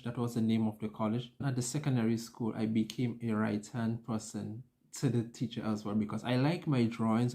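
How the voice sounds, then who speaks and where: A young man from an island, a vlogger, recounts personal stories to camera in a relaxed, chatty way, reenacting what was said. His medium-pitched voice sounds mellow.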